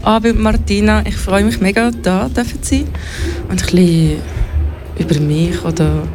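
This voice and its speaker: A woman's voice: mid-range voice, moderate pace, noisy background. A young woman with a Swiss German accent, a guest on a festival radio show, talking in a rambling, chatty way with lots of fillers. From Switzerland. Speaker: interview guest. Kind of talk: casual radio interview. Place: festival radio container studio. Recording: music playing loudly behind.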